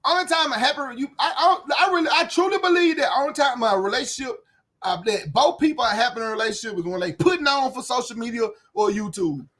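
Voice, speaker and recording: Talking fast and expressively in a very high, slightly bright voice, a late-thirties man from Memphis with a Southern US accent rants outdoors in the wind. He's a YouTube commentator: blunt, profane, repetitive, and constantly saying "you know what I'm saying."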